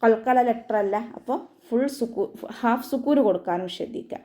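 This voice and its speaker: Mellow-voiced woman teaching recitation. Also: on the high side, brisk. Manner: calm step-by-step instruction with frequent tag questions. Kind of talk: online tajweed lesson.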